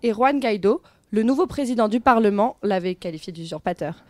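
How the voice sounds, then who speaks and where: A young woman presenting on student radio, reading an explanatory segment in a steady, informative way. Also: mid-range voice, a little fast, dry recording.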